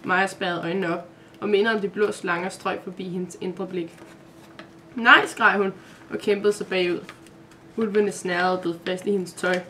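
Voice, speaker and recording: A woman's voice: fairly low pitch, a little hiss or hum. Woman reading a children's story. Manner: steady reading with small self-corrections.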